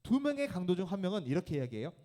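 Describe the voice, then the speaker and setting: A youth pastor preaches to teenagers in an easy, casual storytelling way, talking straight to the kids. His voice is mellow and dark in tone, and his intonation rises and falls with a lot of life. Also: high voice, big pitch swings, very fast. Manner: casual, addresses the kids directly.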